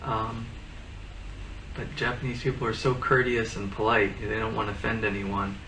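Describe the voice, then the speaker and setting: A low-pitched man with a gravelly, creaky voice talks casually and haltingly, piling up fillers as he tells a story. He is recorded from some distance in a roomy space, with clear background noise behind him. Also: level tone, sharp tone. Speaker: interviewee, band frontman.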